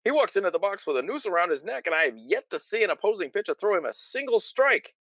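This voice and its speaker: A man's voice: high-pitched, sing-song, fast, a bit bright, no room sound, heavily acted, poor audio. A man playing a cheerfully grim backwoods rancher on a comedic 1920s-style radio parody, drawling about grisly events. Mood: matter-of-fact.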